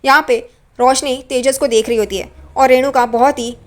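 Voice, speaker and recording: An emotional mother begging her son not to lose hope, as a woman narrator puts her on. She speaks in a tearful, pleading way, in a high voice. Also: steady tone, moderate pace, natural voice.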